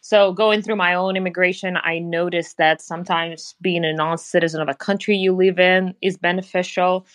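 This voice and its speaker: Russian-accented woman guest, lowish voice, dry close mic, measured explainer. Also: steady tone, no echo. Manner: explanatory, businesslike, some grammar slips. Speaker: guest, passport business founder. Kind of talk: conversational podcast interview.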